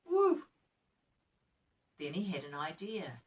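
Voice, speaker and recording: A sweet old lady from a grandmotherly mould reads a children's storybook in a New Zealand accent. She is gentle and expressive and adds chatty asides to her listeners. Her voice sits a little way from the microphone. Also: low-pitched, a little slow, recorded from a distance, dull audio. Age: older.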